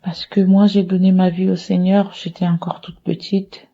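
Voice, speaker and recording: A woman opens an earnest religious testimony, a little hesitant. Her voice sits slightly low. The recording is muffled and lo-fi, like a phone voice note. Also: level tone, moderate pace, vocal fry, dark tone. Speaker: caller giving a testimony.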